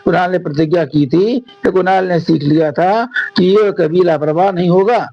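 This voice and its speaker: A man from India with a Hindi accent, teaching an English lesson in Hindi and reading the English lines out slowly. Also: high voice, dry recording, highs cut off. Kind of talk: classroom lesson explanation.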